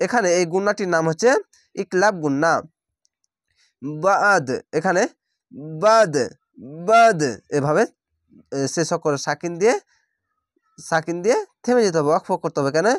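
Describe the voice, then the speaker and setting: A man teaching Quran reading, spelling out each word and drawing it out slowly, then explaining the rules at a quicker clip in Bangladeshi Bengali. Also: sits high, dry recording, studio quality. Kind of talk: spelled-out Quran recitation lesson.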